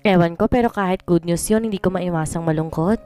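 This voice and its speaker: A woman reading a first-person story in scripted narration, in one even voice, code-switching between Tagalog and English. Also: lowish voice, fairly quick. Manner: reads every part in one plain voice, mixing Tagalog and English. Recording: voice over soft background music.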